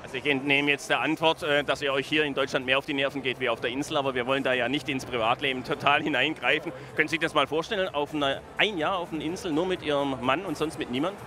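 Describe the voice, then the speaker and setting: A man's voice: on the high side, fairly even intonation, quick pace, hardly any pauses. A middle-aged man hosting a live panel talk on a handheld microphone in a beer tent. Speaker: TV talk show host. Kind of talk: lively live panel moderation. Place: busy festival beer tent. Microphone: handheld reporter microphone. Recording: background noise of a busy tent.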